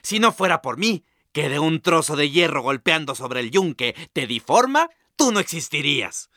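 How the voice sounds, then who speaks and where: A man's voice: fairly high pitch, big pitch swings, moderate pace, sharp tone, dry recording, clean studio sound. A man voicing a proud, boastful talking iron hammer in a storybook reading, declaiming each phrase. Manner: emphatic, declaiming. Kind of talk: storybook narration.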